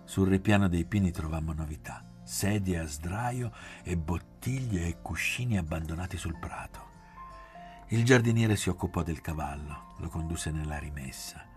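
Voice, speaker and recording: A man reading a novel aloud in a measured, quiet, literary way. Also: sits low, faint music behind. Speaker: narrator.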